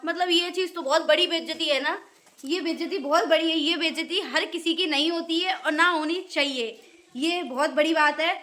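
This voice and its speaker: A woman's voice: extremely high pitch, normal speed, pushed and bright. A young woman vlogging at a family gathering, talking straight to her viewers in a playfully dramatic, mock-outraged way. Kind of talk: casual village vlog narration.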